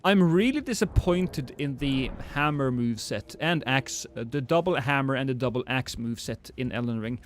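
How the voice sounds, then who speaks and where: Streaming a game and reading chat, a chatty Norwegian man with a slight British tinge talks at a moderate pace with few pauses and lively intonation. His pitch is medium, there's a little hiss or hum, and he often restarts sentences with self-deprecating humor.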